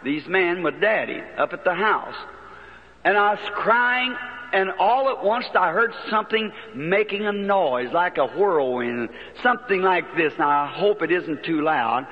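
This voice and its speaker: A man preaching in a high, homespun voice, full of rural turns of phrase. The old archival recording sounds dull and lo-fi. Long reverb from a large hall trails behind his words. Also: expressive, a little slow. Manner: folksy, plain-spoken storytelling with rural turns of phrase. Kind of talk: sermon storytelling.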